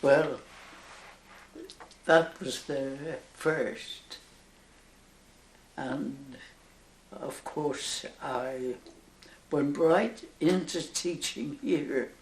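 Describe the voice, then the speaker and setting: In a reverberant recording with a slight hiss or hum, a woman over a hundred with a Northern Irish accent talks about her years as a nun. Her low voice moves slowly and hesitantly through an oral history interview, broken by soft laughs.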